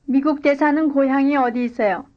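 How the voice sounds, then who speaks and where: A woman reading a scripted language-lesson dialogue and drill answers in clear, careful model sentences. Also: high-pitched, normal speed, lo-fi sound. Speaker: language course speaker.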